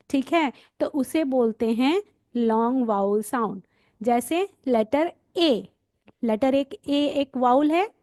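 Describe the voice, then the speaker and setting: A woman's voice: sits high, no echo, studio quality. A woman teaching phonics to parents and teachers, stretching out letter sounds and repeating them for her listeners to copy. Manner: slow, drawn-out letter sounds with repetition. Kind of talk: explanatory lesson for parents and teachers.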